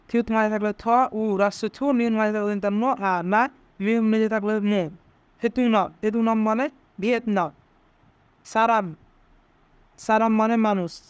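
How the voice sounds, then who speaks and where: Guy teaching a language lesson sound by sound, higher voice, very dry close sound. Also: smooth, no room sound. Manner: breaks words into single sounds and repeats them. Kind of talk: slow step-by-step pronunciation lesson.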